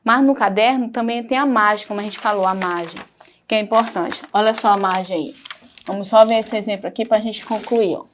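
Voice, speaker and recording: Over a noisy background, a woman of medium pitch talks a little fast, her accent Brazilian Portuguese. She is teaching a recorded primary school lesson, patiently explaining and pointing things out as she proceeds.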